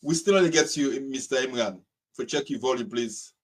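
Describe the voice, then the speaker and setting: A man with a Sierra Leonean accent and a husky voice hosts an informal political discussion, speaking emphatically and repeating his phrases. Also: mid-range voice, fairly quick. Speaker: host of a live political discussion. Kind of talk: informal political talk in Krio mixed with English.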